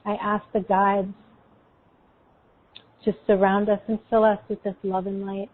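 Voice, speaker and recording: Woman doing guided meditation talk, slow n soothing, barely changes pitch, tinny call audio. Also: little pitch movement. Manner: soothing, unhurried, pausing between phrases. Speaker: guest energy healer leading a guided meditation.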